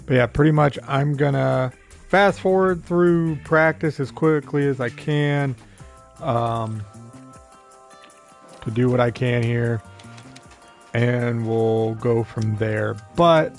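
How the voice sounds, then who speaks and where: A young man streams a racing management game in a relaxed, rambling chat with his viewers and a friend. His voice carries a gravelly fry at a middle pitch. Faint music plays in the background. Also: takes it slowly, pauses often. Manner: rambling, easygoing, talks to a friend on a call. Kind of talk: casual live-stream chat.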